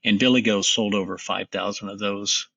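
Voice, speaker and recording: A man's voice: on the low side, fairly even intonation, moderate pace, vocal fry, sharp tone, breathy edge, recorded from a distance, lo-fi sound. A middle-aged man, a company founder, talking confidently and emphatically as a guest in a business interview.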